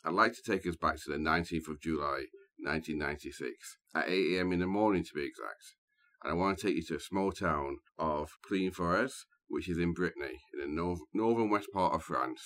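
A man hosting a true crime podcast, telling the story in a measured, scene-setting way. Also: deep voice, a bit bright. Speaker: podcast host. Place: small booth, sharing a room with co-host.

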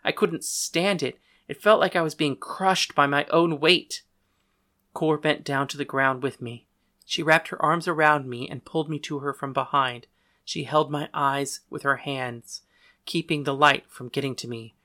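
Male audiobook narrator, bright, crisp tone, somewhat high, measured delivery. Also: fairly even intonation. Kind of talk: first-person audiobook narration.

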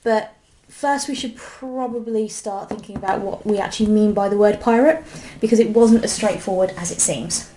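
A woman's voice: medium pitch, moderate pace, mellow, slight background noise. A woman co-hosting a casual history podcast, explaining at length and correcting her co-host.

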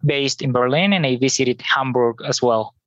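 A guest from Venezuela, a native Spanish speaker with a Venezuelan Spanish accent, chatting easygoingly in loose, halting phrases. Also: medium pitch, a bit bright, no echo, dull audio. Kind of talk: casual interview chat.

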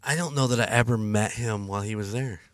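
A man's voice: on the low side, fast talker, no echo. A man chatting casually as a podcast co-host in a studio. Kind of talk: casual chat.

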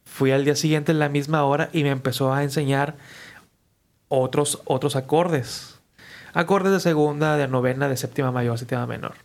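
A man, a musician guest casually telling stories in an animated, slangy way and acting out the people he quotes. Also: mid-range voice, moderate pace, gravelly. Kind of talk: casual storytelling.

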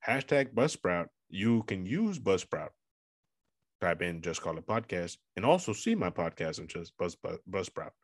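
In a clean studio recording without echo, a fairly low-pitched male podcast host speaks alone. His casual monologue is rambling and playful as he promotes his show and offers motivational life advice.

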